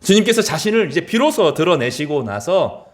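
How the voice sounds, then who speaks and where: Animated male pastor preaching. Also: moderate pace. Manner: animated preaching, voice rising high in acted quotes and dropping low at phrase ends. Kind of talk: sermon.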